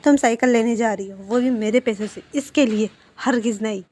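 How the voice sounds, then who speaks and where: A woman's voice: a little high, brisk, dark tone, lightly acted. A cruel, scornful father, as a woman reads him. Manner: harsh, scornful.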